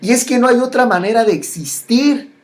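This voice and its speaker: Reflective spiritual speaker. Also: mid-range voice. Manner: slow, repetitive phrasing with many pauses and restarts.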